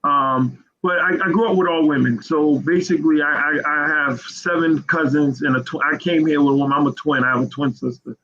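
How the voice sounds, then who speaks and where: A man in his fifties answers as a guest author in an earnest, halting way that circles back on words. His voice sits a little high for a man and comes through a dull, muffled remote line. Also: fairly even intonation, bright, forceful tone. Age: 50s. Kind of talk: interview answers.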